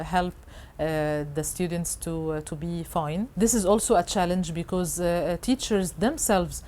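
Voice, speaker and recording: A woman's voice: fairly low pitch, darkish tone. A woman answering interview questions in a hesitant way, with many filler sounds and restarts. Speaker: interviewed guest reporter.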